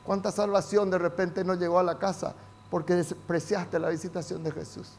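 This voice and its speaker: A man preaching as pastor, moving between intimate asides and loud fervent prayer. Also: high voice, level tone, normal speed, a little hiss or hum. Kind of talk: sermon.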